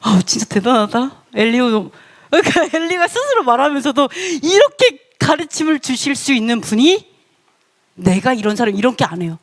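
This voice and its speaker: A woman preaching a sermon in a lively, conversational way, acting out quotes and laughing now and then. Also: normal speed. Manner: animated, acts out quotes with pitch jumps; laughs often, conversational asides to the congregation. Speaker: pastor.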